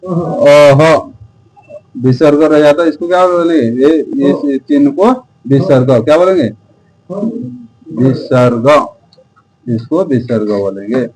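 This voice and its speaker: A man teaching Sanskrit grammar slowly, asking the class questions again and again and drilling sounds aloud. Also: on the high side, expressive, warm tone, a little hiss or hum, low-quality recording. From India. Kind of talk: slow repetitive teaching.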